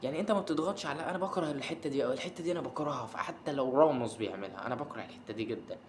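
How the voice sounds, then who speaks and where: A man's voice: medium pitch, very fast, slight background noise. A man with an Egyptian accent hosting a football podcast, recapping a match in a casual way and asking the players the same exasperated questions again and again. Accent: Egyptian Arabic. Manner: exasperated, repeats his questions, rants at the players.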